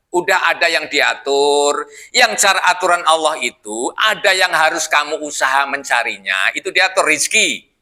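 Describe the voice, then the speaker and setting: Lively teasing mosque preacher, bright voice. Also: male voice, on the high side. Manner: playful, teasing the audience with questions. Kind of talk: sermon.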